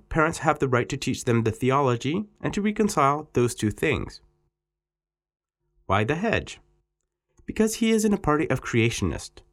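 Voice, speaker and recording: Guy reading an english exam passage, voice swoops up and down a lot. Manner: lively, expressive reading with pitch swings on quotes. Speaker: exam text reader. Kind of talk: reading an exam text aloud.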